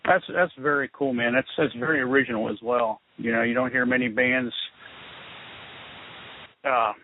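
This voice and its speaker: Gravelly-voiced man on a hissy phone line. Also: medium pitch, steady tone, normal speed. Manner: laid-back, calls the guest "man". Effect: heard over a phone line. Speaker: magazine interviewer. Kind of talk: casual phone interview. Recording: tinny phone line with hiss.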